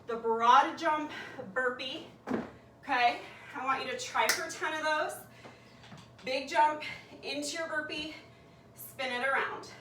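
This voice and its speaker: A woman's voice: high-pitched, reverberant, recorded from a distance, background noise. Breathless woman coaching a workout. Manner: encouraging, counts reps aloud. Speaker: fitness instructor.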